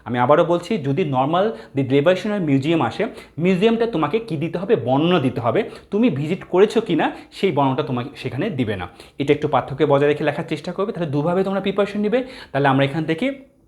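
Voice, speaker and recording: A man teaching an exam-prep English lesson, asking questions and answering them himself, reading English phrases slowly word by word. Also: a little high, lively intonation, a little mellow.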